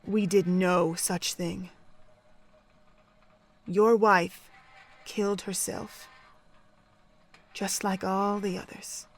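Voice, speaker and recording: Playing a frosty pony overseer in an audio drama, a woman delivers her lines with staged disdain at mid pitch and little pitch movement. The scorn grows intense, then drops back to a controlled, menacing calm.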